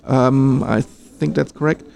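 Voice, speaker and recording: A man from Austria answering interview questions in a casual, hesitant way, with many pauses and restarts. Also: medium pitch, fairly even intonation, creaky, a little mellow. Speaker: interviewee, fan filmmaker.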